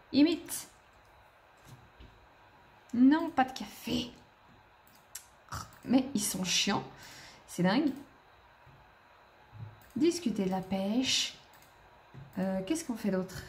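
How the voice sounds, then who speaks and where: A woman's voice: mid-range voice, expressive, unhurried, pauses often, darkish tone, slight background noise. A woman giving casual let's-play commentary, chatting to the characters on screen as she plays. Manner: chatty, talks to the game characters. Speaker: gaming video creator.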